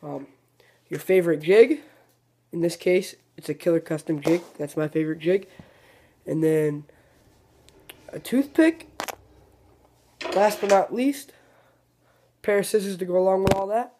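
In an unhurried, high voice with frequent pauses, a man hosts a fishing video and shows a tackle trick step by step. He restarts his sentences often, giving loose, self-correcting explanations, over a faint hiss or hum.

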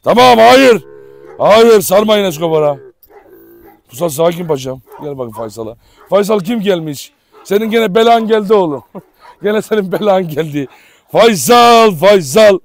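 With no room sound, a man whose voice sits high speaks in an animated way at normal speed while filming on his dog farm. Dogs bark behind him as he chats casually with viewers, affectionately shouting commands at the animals he handles.

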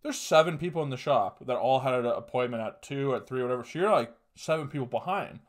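Talking fast in a mid-range voice, a young Canadian podcast host spins rambling, animated comic stories full of profanity. He's speaking casually indoors, in a small room at home.

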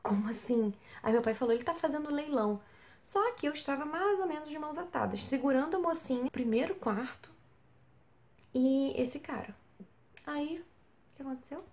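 A young woman telling a story in a casual vlog from a small basement bedroom, animated and full of rhetorical questions. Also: sits high, normal speed. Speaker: vlogger on exchange.

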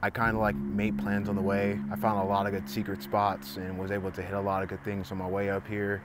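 A young man from Southern California, a photographer talking casually to camera about a spontaneous trip, relaxed and laid-back. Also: fairly low pitch, fairly quick. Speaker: photographer and vlogger. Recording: noisy outdoor ambience.

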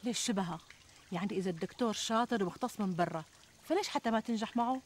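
An actress playing a plump, middle-aged Syrian housewife who complains expressively and plaintively in a TV comedy. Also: female voice, mid-range voice, racing, lightly acted. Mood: exasperated, insistent. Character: plump, fretful, self-deprecating housewife and mother. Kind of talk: conversational TV comedy sketch acting. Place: outdoors in a garden. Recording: outdoor ambience, trickling water noise.

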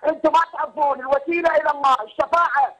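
A man's voice: very high voice, steady tone, racing, fairly bright tone. A male caller on the phone who argues back in an agitated, raised voice. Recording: tinny phone line.

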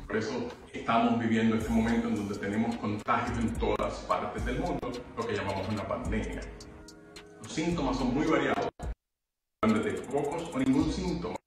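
A man hosting an educational health event, reading a steady, informative scripted narration. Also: fairly low pitch, normal speed. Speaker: host. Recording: roomy, distant, music underneath. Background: music.

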